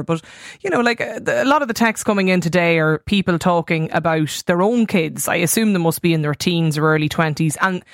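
A woman's voice: lowish voice, no room sound, clean studio sound. A woman with an Irish accent hosting a radio phone-in, putting questions to callers in a conversational broadcast style.

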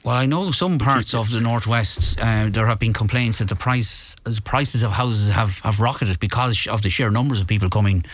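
A man with an Irish accent hosting a panel, asking probing questions in a conversational, halting way. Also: on the low side. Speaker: radio host. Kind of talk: conversational interviewing.

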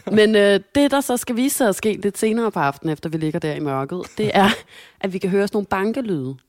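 Animated woman telling a funny story. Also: medium pitch, no room sound, studio quality. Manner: animated, acts out quotes with shifting voices. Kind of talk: casual storytelling chat.

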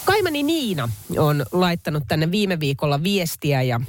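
A woman's voice: low voice, sing-song, a little hiss or hum. A woman radio host chatting casually and reading listener messages aloud in a studio. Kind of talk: casual radio show chat. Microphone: studio microphone.

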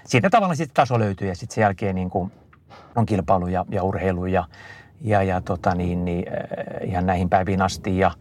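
A middle-aged man answering an interviewer in casual conversation, telling long rambling stories full of fillers and restarts. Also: low-pitched. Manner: rambling, lively storytelling with many fillers and restarts. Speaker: interview guest, endurance skier.

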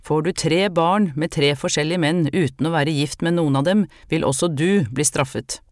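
A narrator voicing a stern male priest who passes judgment in a loud, chanting voice. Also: mid-range voice, no echo, studio quality, lightly acted.

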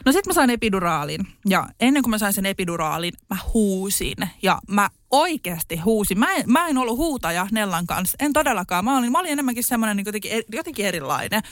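A young woman chatting casually on a podcast, candid and quick to laugh, with a few swear words. Her voice sits in a middle range. The sound is close and dry. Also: mid-range voice, no room sound. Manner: candid, laughing, swears freely, lively retelling. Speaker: podcast host telling her birth story. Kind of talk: casual chat.

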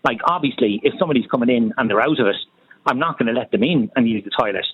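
Male radio guest, Irish accent, slightly raspy middle-pitched voice, chatting over a dry, narrow phone line. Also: fast, no room sound. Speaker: restaurant owner, interview guest. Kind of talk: conversational radio phone interview.

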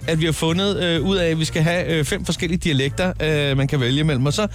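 Man, comedy co-host, upbeat, eager explainer, slightly high pitch. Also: fairly even intonation, faint music behind. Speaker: podcast co-host. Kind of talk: comedic chat.

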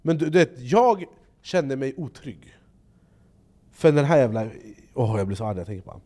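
A man co-hosting a podcast in casual chat, animated and swearing, acting out quotes in loud raised voices. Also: mid-range voice. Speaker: podcast co-host.

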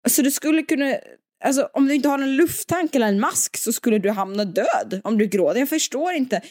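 A woman's voice: high-pitched, expressive, a little mellow, no room sound, studio quality. A young woman co-hosting a casual podcast, chatty and rambling, often restarting sentences and laughing. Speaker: podcast co-host.

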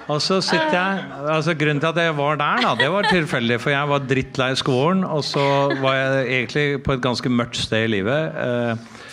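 A man, a drummer, telling funny stories in a casual chat, swearing and laughing as he goes. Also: on the high side. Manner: lively anecdotes, swears, laughs while telling. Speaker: drummer and podcast guest. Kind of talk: casual storytelling. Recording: faint ambient noise.

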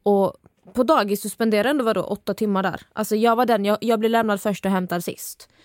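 Young woman, mild Scanian accent, podcast co-host, animated chatty talk, dry close sound. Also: medium pitch, no room sound. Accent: mild Scanian Swedish. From southern Sweden. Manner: animated, talks in quick bursts with quoted asides. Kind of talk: casual chat.

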